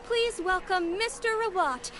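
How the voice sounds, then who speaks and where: A chirpy store announcer. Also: female voice, unhurried. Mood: upbeat. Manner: upbeat, polished sales-pitch delivery. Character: female store announcer hosting a product launch. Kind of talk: supermarket-style announcement to customers.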